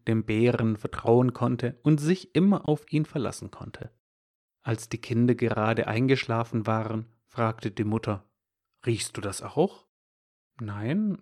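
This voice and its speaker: Calm man reading a devotional. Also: medium pitch. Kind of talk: scripted Christmas devotional.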